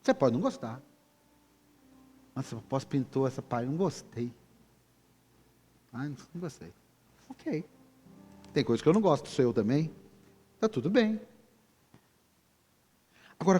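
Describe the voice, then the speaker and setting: A man with a Brazilian Portuguese accent preaching a sermon, emphatic and firing rhetorical questions at his congregation. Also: a little high. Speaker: pastor. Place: large church hall. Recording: reverberant church hall with soft music.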